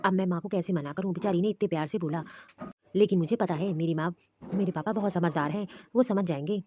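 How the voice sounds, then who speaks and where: A woman's voice: lowish voice, quick pace, a little mellow, slight background noise, lightly acted. A woman voicing a young married husband in a Hindi cartoon, coaxing and rambling as he pleads. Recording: dull lo-fi recording.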